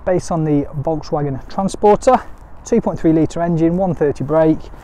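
Male dealer, fairly high mellow voice, upbeat patter, handheld phone by a van. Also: moderate pace, a little hiss or hum. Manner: upbeat sales patter, often repeats words. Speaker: motorhome dealer presenter. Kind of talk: walk-around sales video. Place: outdoors beside a camper van, then inside it. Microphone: phone camera held by the speaker.

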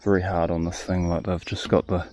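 A man casually explaining his work at an outdoor sawmill yard, recorded on a head-mounted camera, relaxed and thinking aloud. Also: sits low, fairly quick. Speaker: sawmill operator. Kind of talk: casual first-person narration. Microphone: head-mounted action camera.

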